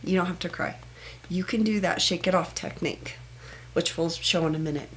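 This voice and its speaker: A woman teaching a self-help meditation technique in a soft, earnest manner, speaking in short, repeated phrases. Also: lowish voice, a little fast, slight background noise. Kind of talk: gentle guided self-help instruction.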